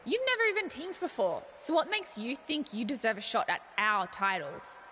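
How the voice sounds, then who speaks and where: A cocky wrestler. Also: female voice, on the high side, big pitch swings, normal speed, bright, forceful tone, a little hiss or hum. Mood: smug. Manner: smug, mocking. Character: cocky young female wrestler, boastful. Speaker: talk show co-host in a wrestling game.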